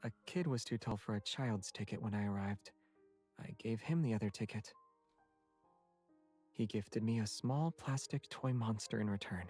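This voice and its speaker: A man playing a calm, devoted young hunter in a video game, with a flat, apathetic, unhurried delivery. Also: fairly low pitch, soft background music, lightly acted. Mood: detached, mild.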